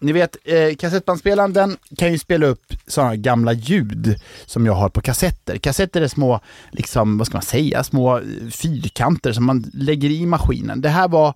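A man's voice: mid-range voice, expressive, darkish tone, no echo. A man hosts a children's bedtime show. He rambles playfully, tells jokes and corrects himself. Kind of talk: playful storytelling and joke-telling.

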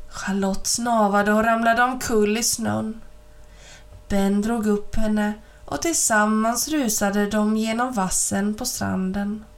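A woman reading a children's story aloud as an audiobook, in even, clear storytelling narration. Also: mid-range voice. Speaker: reader.

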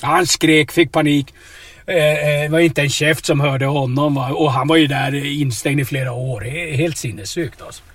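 A man with a somewhat high, husky voice tells absurd stories in a rambling, deadpan way. He keeps checking in with a quick questioning tag. He talks from inside a car. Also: dry recording. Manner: rambling, tags lines with "va?". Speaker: comedic storyteller. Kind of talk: deadpan absurd comedy chat.

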